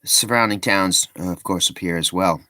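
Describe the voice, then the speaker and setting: Low-voiced rambling man vlogging. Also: brisk, pushed and bright, no room sound. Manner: rambling, self-interrupting with joking asides; frequent ums and restarts. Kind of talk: casual rambling commentary.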